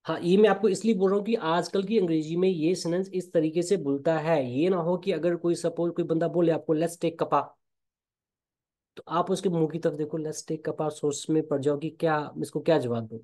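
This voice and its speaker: A man with an Indian accent teaching a spoken English lesson, explaining slowly and repeating example phrases. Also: on the high side, fairly even intonation, warm tone.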